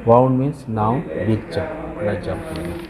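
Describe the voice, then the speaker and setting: A man with an Indian accent teaching a textbook lesson, reading English lines slowly and then explaining them in Hindi. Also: medium pitch, animated, crowd noise, low-quality recording.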